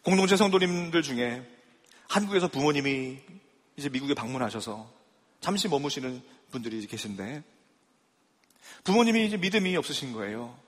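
A man's voice: medium pitch, animated, normal speed, long pauses, long reverb tail. A male pastor preaching a sermon, driving his points home with emphatic rhetorical questions to the congregation. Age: young adult or middle-aged father.

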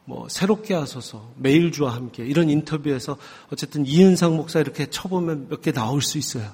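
A male pastor preaching a sermon, lively and teasing, drawing answers from the congregation. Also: on the high side, brisk, husky. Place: church sanctuary. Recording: long hall reverb.

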